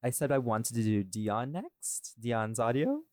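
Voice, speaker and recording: Expressive and measured in pace, a man with a medium-pitched voice hosts a laid-back podcast discussion, rambling as he thinks aloud and regularly asking "right?". He is a podcast host and audio series creator, recorded at studio quality with no echo.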